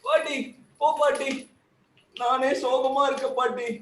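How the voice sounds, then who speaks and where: A man's voice: very high-pitched, little pitch movement, bright, forceful tone, echoey room, recorded from a distance, a little hiss or hum, full character voice, poor audio. Man doing a whiny sad clown puppet. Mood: sulky. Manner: whiny, sulky, rapid Tamil chatter. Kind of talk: puppet show.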